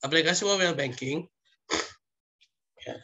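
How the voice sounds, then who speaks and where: A man's voice: a little high, unhurried, pushed and bright. Man giving an online lecture. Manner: reads slides with frequent "ya" and "nah" asides.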